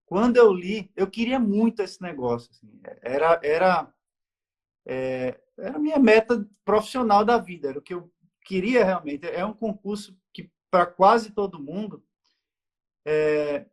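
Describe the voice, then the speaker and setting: Hesitant, reflective male diplomat host. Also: high voice. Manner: hesitant, many fillers. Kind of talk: reflective conversation.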